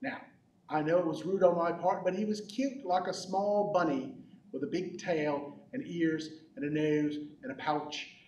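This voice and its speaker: A man playing a goofy, bumbling croc-hunting adventurer for a kids' comedy skit, rambling with deadpan jokes. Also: fairly high pitch, unhurried, highs cut off, a little hiss or hum, close to an everyday voice. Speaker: children's ministry skit character. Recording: echoey hall from far off.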